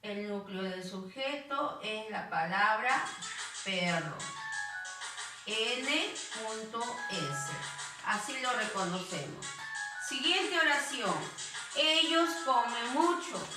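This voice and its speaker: A woman's voice: a little high, expressive, slow, recorded from a distance, music in the background. A woman teaching a grammar class to children, patiently repeating and asking them questions, with a Peruvian Spanish accent. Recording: echoey room, voice off-mic.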